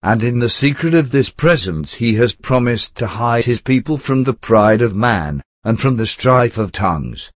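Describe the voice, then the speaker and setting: A man giving a scripted devotional reading, delivering scripture in a measured, solemn way. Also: mid-range voice, expressive, no room sound. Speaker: narrator.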